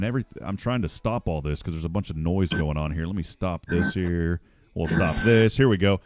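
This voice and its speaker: A man's voice: fairly low pitch, darkish tone. A man hosting a morning radio show, chatting casually and rambling, often correcting himself as he reads the news.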